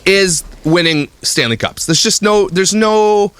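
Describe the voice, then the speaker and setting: A man's voice: high-pitched, a little slow, a bit bright, clear, resonant tone, dry recording. A Canadian man in his thirties co-hosting a podcast, casual chat with teasing, dry humor. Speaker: podcast co-host.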